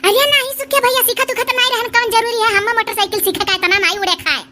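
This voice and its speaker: A woman plays a flustered young village sister-in-law in a cartoon, her voice squeaky and high. She speaks with an Awadhi accent, pleading and defensive, and her tone is bright and sharp. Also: steady tone, fast talker, slight background noise. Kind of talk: cartoon voice acting.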